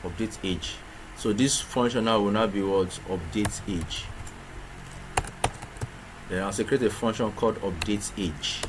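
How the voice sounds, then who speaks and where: A programming instructor explains code step by step in a screen-recorded tutorial, restarting often and posing rhetorical questions. His voice is lowish and a little slow, with frequent pauses. The recording is clear, with keyboard typing in the background.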